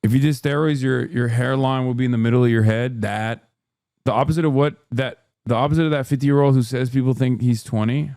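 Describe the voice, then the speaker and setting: A man in his thirties streams his reactions in a loose, rambling way, swearing for emphasis and circling back on his points. His voice sits at an ordinary pitch. The sound is very dry and close to the mic. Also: steady tone, fairly quick, darkish tone, dry recording. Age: 30s. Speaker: streamer host. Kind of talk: casual reaction commentary.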